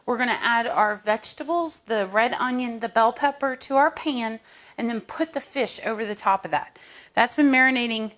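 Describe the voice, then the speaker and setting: A fairly high-voiced woman talks viewers through a recipe in her home kitchen. Her tone is chatty and casual, with asides and small jokes as she cooks. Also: fairly bright tone. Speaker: cooking show host. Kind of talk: casual cooking tutorial.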